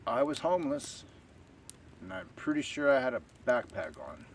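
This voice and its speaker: A man telling a long story to camera in a rambling, unhurried way, full of fillers. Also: medium pitch, sing-song. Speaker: stealth camping vlogger. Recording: distant outdoor camera audio with faint ambient noise.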